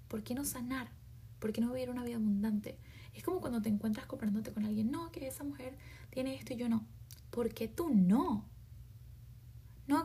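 A woman hosting a self-help podcast, talking emphatically with many rhetorical questions and slangy asides, often dropping into soft half-whispers. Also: on the high side, husky. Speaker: podcast host. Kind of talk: motivational self-help monologue.

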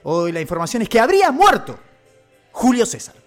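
A man's voice: high-pitched, wildly swooping pitch, fairly quick, faint music behind, voice pushed up. A man with a Rioplatense Argentine accent voicing a pompous, long-winded male TV news anchor in inflated, formal phrasing. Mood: grandiloquent.

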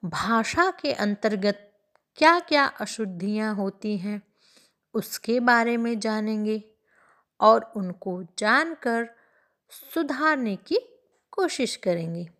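A woman teaching a grammar lesson to young pupils, speaking slowly and deliberately and addressing the children fondly. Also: a little high, animated, a bit bright. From India. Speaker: Hindi teacher.

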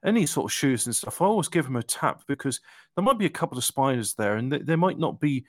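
A man talks in a casual, conversational style. His delivery is halting, feeling its way through each point. His pitch sits in the middle and the sound is dry, with little room on it. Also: animated, no room sound. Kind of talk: casual chat.

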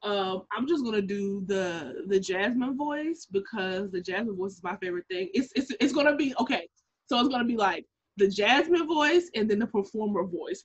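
A young woman co-hosting a podcast in casual chat, animated and laughing, often jumping into high-pitched impressions. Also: breathy edge. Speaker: podcast co-host. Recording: muffled lo-fi audio.

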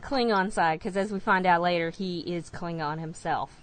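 A woman's voice: on the low side, moderate pace, dry recording. A woman co-hosting a podcast, adding wry, jokey asides in a casual chat. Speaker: podcast co-host. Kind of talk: casual discussion of an episode.

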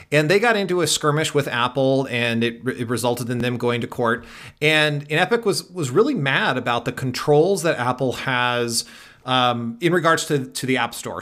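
A man's voice: mid-range voice, sharp tone. A man co-hosting a casual tech podcast, explaining things at length with many restarts and fillers. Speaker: podcast co-host.

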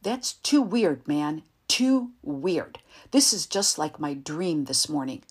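A woman voicing a jumpy, shouting young gunman. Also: medium pitch, expressive, unhurried, breathy edge. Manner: shouting, nervous, confused. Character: agitated young male gunman, desperate and jumpy.

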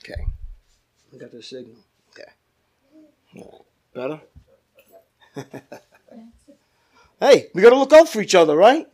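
A male preacher with a very high-pitched voice delivers a church sermon. He stresses and draws out his key phrases, addressing his listeners directly and seeking their agreement. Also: huge pitch swings, measured pace, pauses often, darkish tone. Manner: calls for amens from listeners.

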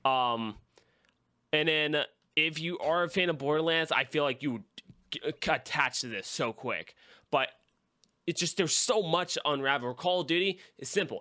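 A man's voice: fairly high pitch, bright, forceful tone. A man co-hosting a casual podcast, rambling through his opinions with lots of fillers. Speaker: podcast co-host. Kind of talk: casual chat.

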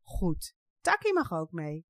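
A woman reads a children's story aloud, slow and deliberate, with a very lively, sing-song melody. The sound is close and dry. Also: on the low side, no echo. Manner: expressive, animated reading.

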